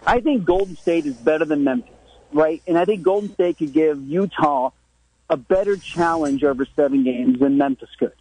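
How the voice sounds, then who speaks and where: A man's voice: fairly high pitch, darkish tone, husky, no echo. A man arguing a sports point over the phone on a radio show, often stumbling and repeating words. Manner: halting, repeats words as he argues. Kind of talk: sports debate on call-in radio. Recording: muffled phone line.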